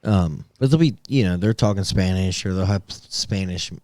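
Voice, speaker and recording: A man's voice: low-pitched, normal speed, a little mellow, no room sound, clean studio sound. A man co-hosting a podcast in casual chat, joking crudely, swearing freely and laughing often. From Indiana. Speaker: podcast co-host.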